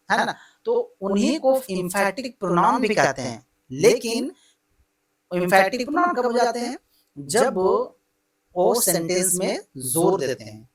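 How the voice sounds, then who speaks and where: A man's voice: sits high, roomy sound, distant mic, rough recording. A man with an Indian accent teaching an English grammar lesson, mixing Hindi explanation with English examples he reads out word by word.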